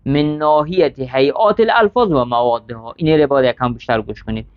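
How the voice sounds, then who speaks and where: A man's voice: mid-range voice, clean tone. A man teaching a classroom lesson, reading Arabic text line by line, explaining it and checking with his students. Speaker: seminary teacher. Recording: dull lo-fi sound.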